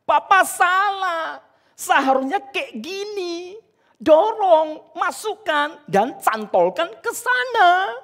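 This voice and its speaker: Man putting on a high, drawn-out little-boy voice, bossy and whining. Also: sing-song, a bit bright, exaggerated voice. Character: whiny little boy fussing at his dad.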